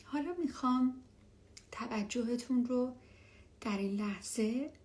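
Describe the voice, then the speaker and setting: A woman leading a guided relaxation meditation as an instructor, speaking softly and soothingly, often near a whisper, with unhurried pauses. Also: fairly high pitch. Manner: unhurried, with long pauses between phrases.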